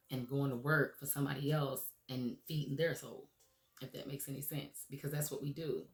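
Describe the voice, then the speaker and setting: A woman radio show host delivers an earnest, encouraging motivational monologue, her voice raspy as she recovers from laryngitis. She keeps an even, level pitch and checks in with listeners now and then, often saying "okay?" and "um," in a roomy space with a noticeable echo.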